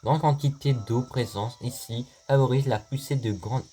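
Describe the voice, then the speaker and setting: A man reading out the lines of a calm female sword spirit guide in a game, slow and measured, with faint game music behind. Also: medium pitch, slight background noise, lightly acted.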